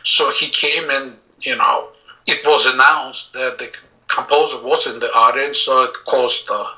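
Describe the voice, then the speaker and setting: A middle-aged man, a composer being interviewed, speaking reflectively with many pauses and restarts. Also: mid-range voice, steady tone, sharp tone, poor audio. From Azerbaijan. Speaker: composer and pianist guest. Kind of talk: casual interview talk.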